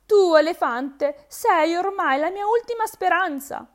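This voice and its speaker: A woman's voice: very high voice, animated, measured pace, voice pushed up. A woman doing a frightened, pleading hare. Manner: pleading, plaintive. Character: timid frightened female hare.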